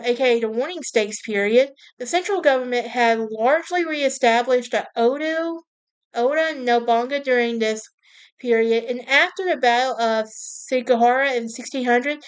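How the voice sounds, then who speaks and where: A woman's voice: on the high side, smooth. A woman hosting a casual history podcast, chatty, tripping over names and laughing at herself. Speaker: podcast host.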